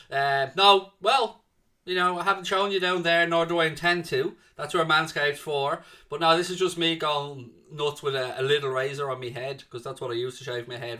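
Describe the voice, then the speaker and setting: Hosting a football watchalong stream, a young man from Ireland with a South Dublin accent chats casually and responds to comments from viewers. His fairly high-pitched voice comes out pushed and bright. He keeps it jokey and talkative, addressing people as "mate" and "man."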